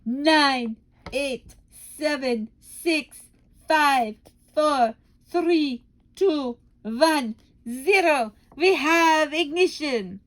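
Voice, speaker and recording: A woman doing a shrill, barking witch queen. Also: normal speed, lightly acted, poor audio. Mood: gleeful. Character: imperious cruel female witch leader.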